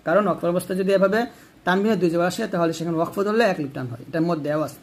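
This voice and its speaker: A man teaching Quran reading, reciting Arabic words slowly and drawing out the syllables, then explaining the pronunciation rules step by step. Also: sits high. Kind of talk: tajweed recitation lesson.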